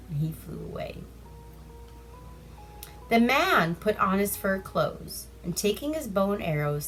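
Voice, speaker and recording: A storyteller from the Seward Peninsula in Alaska reads folk tales as bedtime stories in an irreverent, chatty way, breaking off to comment, with music in the background. Her medium-pitched voice is pushed and bright, and the recording is rough.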